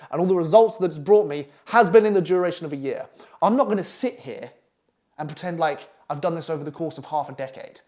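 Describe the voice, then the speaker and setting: This copywriting coach from England talks fast in an Essex accent, his voice high-pitched and a touch mellow. Brash, pushy and profane, he delivers an online masterclass presentation from his London flat.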